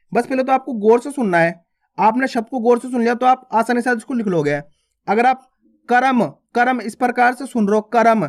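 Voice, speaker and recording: Male reading teacher, fairly high voice, patient and repetitive, sounds out every syllable, friendly informal tone. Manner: addresses viewers as friends, informal. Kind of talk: slow, spelled-out reading lesson.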